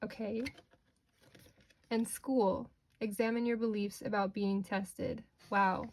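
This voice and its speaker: A woman's voice: medium pitch, flat delivery, takes it slowly, darkish tone. A woman speaking as a fortune teller, giving an informal, reassuring tarot reading straight to the listener and often checking in with a questioning okay. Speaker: tarot card reader, host.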